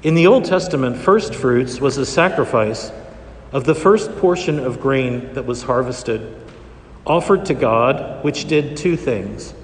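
A priest giving a liturgical reading and homily in a measured, solemn way, his voice ringing with cathedral echo. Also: medium pitch. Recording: echoey church hall reverb.

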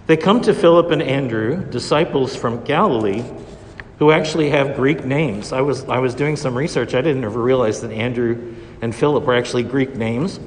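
A man's voice: mid-range voice, normal speed. Man preaching in a cathedral-like echo. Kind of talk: liturgical scripture reading and homily. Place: large reverberant church indoors. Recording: long cathedral-like echo, reverberant church.

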